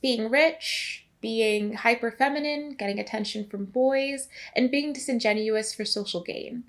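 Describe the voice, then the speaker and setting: A woman's voice: a little high, unhurried, fairly bright tone. A young woman narrating a video essay in a casual, chatty way, with asides to the viewer.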